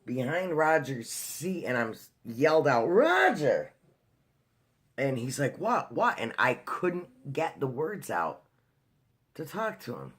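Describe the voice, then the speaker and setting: A man's voice: medium pitch, very animated, unhurried, fairly bright tone, breathy edge. Chatty man telling a personal story. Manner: chatty storytelling with frequent fillers and restarts. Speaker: vlogger. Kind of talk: casual personal video diary.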